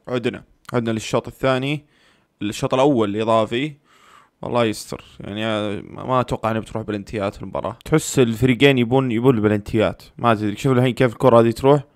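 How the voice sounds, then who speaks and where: A man's voice: mid-range voice, very fast, dry recording, studio quality. A man reacting live to a football match, anxious and pleading, repeating the same phrases again and again.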